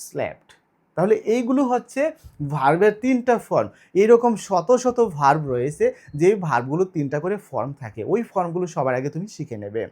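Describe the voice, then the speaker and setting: A man's voice: fairly high pitch, lively intonation, a little fast, a little mellow. A man teaching English grammar in an online video lesson, explaining step by step and asking and answering his own questions.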